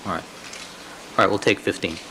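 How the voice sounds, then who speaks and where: A courtroom recording of a man serving as judge, his voice sitting very low. He speaks in short, measured, authoritative rulings. Faint room hiss runs beneath. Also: steady tone, vocal fry.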